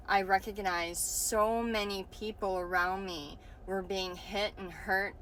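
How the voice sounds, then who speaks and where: A woman's voice: medium pitch, fairly bright tone, a little hiss or hum, poor audio. A woman casually recounting a dream in a hesitant way, searching for words and often saying "like". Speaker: vlogger.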